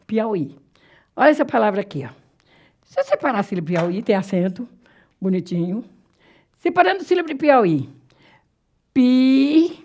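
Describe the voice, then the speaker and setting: A woman from Brazil teaching a Portuguese grammar lesson for exam prep, repeating and drawing out key words slowly and asking herself rhetorical questions. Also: mid-range voice, very animated, darkish tone, husky.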